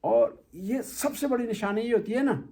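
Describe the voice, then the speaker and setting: A man's voice: very high-pitched, animated, a little mellow. A male Shia cleric giving a conversational religious talk, lecturing through anecdotes and rhetorical questions.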